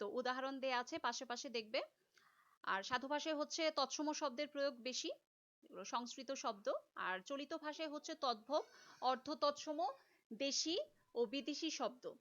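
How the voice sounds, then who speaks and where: A woman's voice: sits high, moderate pace, a bit bright, muffled recording. A woman teacher giving a recorded class lecture, explaining step by step and repeating key terms.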